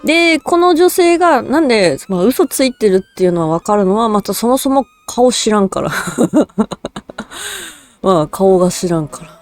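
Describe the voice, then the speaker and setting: A woman narrates a true story in a relaxed, rambling style, full of fillers and small chuckles. Her voice is lively, rising and falling freely as she goes. Soft music plays faintly behind her. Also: a little high, a little slow. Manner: rambling, casual, chuckles often, many fillers. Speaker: virtual cat-spirit storyteller.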